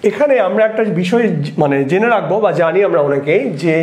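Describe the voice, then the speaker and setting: High-voiced man, rapid exam-prep lecture, rhetorical questions, roomy echo. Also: expressive, darkish tone. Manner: asks rhetorical questions and repeats key points.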